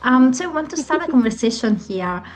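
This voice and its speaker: A woman from Italy hosting an interview, asking warm, encouraging questions about her guest's career. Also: sits high, lively intonation, a little fast. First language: Italian. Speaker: podcast host.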